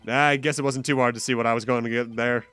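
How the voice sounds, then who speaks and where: A man's voice: medium pitch, steady tone, quick pace, fairly bright tone, clean tone, soft background music. A male streamer giving casual, joking commentary while playing a game. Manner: joking, self-deprecating.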